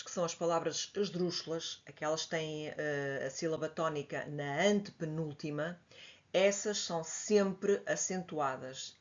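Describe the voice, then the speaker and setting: A woman with a European Portuguese accent, teaching a grammar lesson and patiently explaining, spelling examples out slowly. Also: low-pitched. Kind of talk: slide-based grammar lesson. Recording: dull lo-fi audio.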